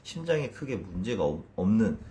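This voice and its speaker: A man's voice: fairly low pitch, big pitch swings, a little fast, warm tone, slight background noise. A man in his thirties explaining exercise as a fitness trainer in a casual video, stumbling and restarting with a self-deprecating manner.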